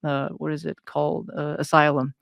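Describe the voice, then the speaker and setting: Interview guest: woman from Iran, hesitant delivery, smooth tone, dry close recording. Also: sits low, flat delivery, a little fast, no room sound, highs cut off. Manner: hesitant, many fillers and restarts. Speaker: guest, intuitive consultant. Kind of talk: personal interview talk.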